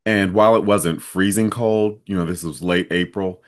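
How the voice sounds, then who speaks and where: A man from Ohio, a vlogger, telling a travel story in a steady, plain way. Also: low-pitched, moderate pace.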